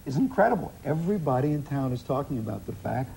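A middle-aged American man hosting a TV talk show, chatting in a lively way. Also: mid-range voice, fast, creaky, slight background noise, poor audio. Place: TV studio with audience.

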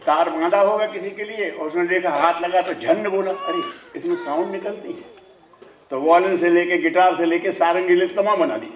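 Man, spiritual discourse, high voice, rhetorical questions, occasional chuckles, PA loudspeaker, distant echoey hall. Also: normal speed, lo-fi sound, a little hiss or hum. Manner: lively storytelling with rhetorical questions; chuckles while making points. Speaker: spiritual speaker. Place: ceremony hall with audience. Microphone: microphone through a PA loudspeaker.

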